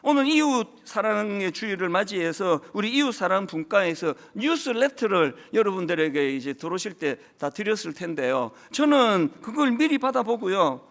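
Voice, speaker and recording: A senior pastor in his fifties gives a chatty, story-filled sermon at a church service, addressing the congregation directly. His high voice is sing-song and a bit bright, at a moderate pace with hardly any pauses.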